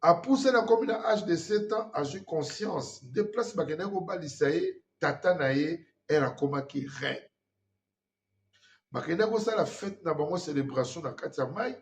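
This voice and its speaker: A man's voice: on the high side, expressive, moderate pace. A man, hosting an earnest spiritual warning talk and mixing in French phrases. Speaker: host. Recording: dull lo-fi sound.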